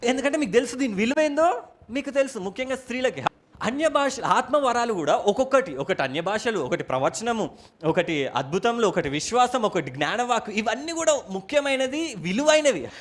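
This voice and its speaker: High-voiced Telangana preacher quizzing his church. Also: big pitch swings, fairly quick, a little hiss or hum. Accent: Telangana Telugu. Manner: questions the congregation often, mixes in English words. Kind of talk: sermon. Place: church service.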